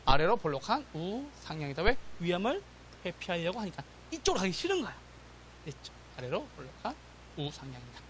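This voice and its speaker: A middle-aged man teaching an exam-prep class, lively and constantly checking that students follow. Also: sits high, brisk, a little hiss or hum. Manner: animated, checks in with "맞죠?" and "됐죠?", acts out quotes. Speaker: real estate exam lecturer. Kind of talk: classroom lecture.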